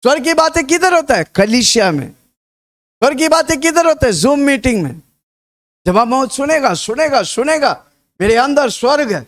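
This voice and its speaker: A fervent male preacher with a notably high voice for a man, pacing his sermon through vivid repeated storytelling. He keeps urging the congregation to repeat his words back, building a rousing call-and-response. Energetic and insistent. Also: moderate pace. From India. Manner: storytelling with repetition.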